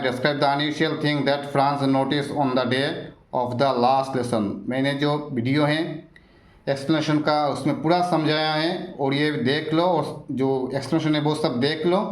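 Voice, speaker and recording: A man teaching an exam-prep lesson in a roadside coaching centre, often repeating himself and urging viewers to stay, recorded without a microphone. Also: a little high. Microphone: no microphone, device's built-in mic. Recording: echoey room without a microphone. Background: occasional road traffic.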